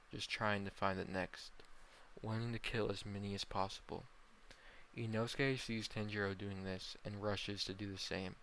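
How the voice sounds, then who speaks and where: A young man reads a fan-fiction story aloud in a plain, slightly halting way. His low voice has a gravelly fry but still sounds bright and forceful, with a faint hiss of noise under it. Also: rough recording. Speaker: narrator.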